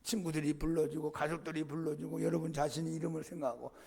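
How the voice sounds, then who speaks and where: A man pastor giving a Sunday sermon, lively and emphatic, acting out the story and addressing the congregation directly. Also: a little high, fast talker, creaky, slightly rough. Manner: animated preaching, acts out scenes, blesses the congregation.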